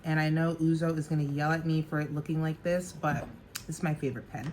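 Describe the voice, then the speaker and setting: Bubbly thirties woman, lower voice, vlogging at home with faint background hiss. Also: steady tone, fast, darkish tone. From New Jersey. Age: 30s. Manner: bubbly, chatty, laughs often. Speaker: makeup artist and vlogger. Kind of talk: casual get-ready-with-me chat.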